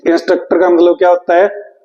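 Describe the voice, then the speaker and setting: A male English teacher coaching for an exam, who asks the class questions and answers them himself, repeating key words and reading English slowly. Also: high voice, monotone, warm tone, long reverb tail, muffled recording. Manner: reads English question text slowly and deliberately; calls students "beta" affectionately. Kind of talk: classroom lesson.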